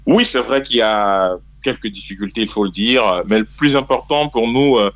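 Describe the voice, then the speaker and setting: A man, a press officer and newspaper head, answering a radio interview in a measured, hesitant way, calling in from abroad over the phone. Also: medium pitch, fairly bright tone, dry recording. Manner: measured, hesitant, many "euh" fillers. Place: abroad, away from the studio.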